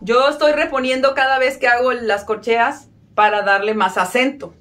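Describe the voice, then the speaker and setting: A woman's voice: on the high side, fairly even intonation, moderate pace, a bit bright, soft background music. A woman giving a casual violin lesson, friendly and self-mocking, counting beats aloud. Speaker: violin teacher.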